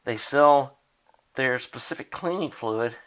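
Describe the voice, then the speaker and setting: Working on a tape deck, a hobbyist narrates slowly in a mid-range, fairly bright voice. His commentary is relaxed and unscripted, just plain talk as he reasons through the repair.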